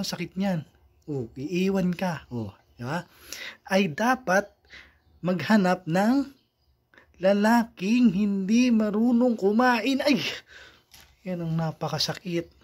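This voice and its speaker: Slow, teasing vlogger reading love quotes. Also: medium pitch, darkish tone. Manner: teasing, chuckling often, addresses viewers directly. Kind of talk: casual commentary on quotes.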